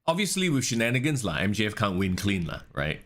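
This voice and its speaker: A man's voice: lowish voice, very animated, fast, a bit bright. A young man with a Singaporean English accent, co-hosting a wrestling podcast in casual, sarcastic chat, swearing freely. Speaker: podcast co-host.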